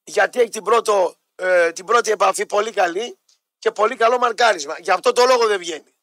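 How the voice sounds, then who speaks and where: A man with a high voice hosts a casual sports radio show. He talks bluntly and teases, cutting in over his co-hosts. The sound is dry and close. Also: sharp tone, no echo.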